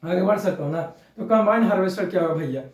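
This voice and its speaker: A high-pitched man gives a science lecture, chatty and teasing, sprinkling in English. He stands away from the mic in an echoey room. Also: quick pace, recorded from a distance. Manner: chatty, teasing, explains with home examples and mixes in English. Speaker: science teacher. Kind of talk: classroom lecture.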